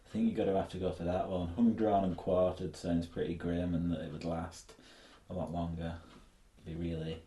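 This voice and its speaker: Deep, dark-voiced joking man, echoey room. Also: little pitch movement, a little fast. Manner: joking, boastful asides. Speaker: podcast co-host. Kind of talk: casual chat.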